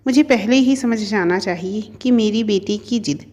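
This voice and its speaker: A woman's voice: mid-range voice, normal speed, mellow, close to an everyday voice. A woman voicing a hurt middle-aged mother in a storybook, who pleads humbly and then scolds sternly. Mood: apologetic. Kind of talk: storybook narration.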